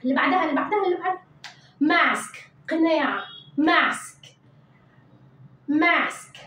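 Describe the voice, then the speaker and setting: A woman with an Egyptian Arabic accent teaching English vocabulary to children, repeating each word slowly and coaxing pupils to say it after her. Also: very high voice, bright, forceful tone, echoey room, poor audio.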